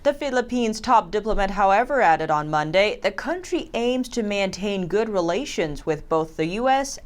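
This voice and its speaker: A woman anchoring a news show, reading scripted reports. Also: mid-range voice.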